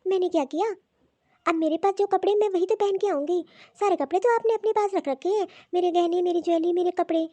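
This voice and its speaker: A woman's voice: very high-pitched, fairly quick, mellow, no room sound, pitched above the performer's own voice. A woman voicing a meek, put-upon young daughter-in-law in a cartoon, pleading and complaining. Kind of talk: cartoon voice acting.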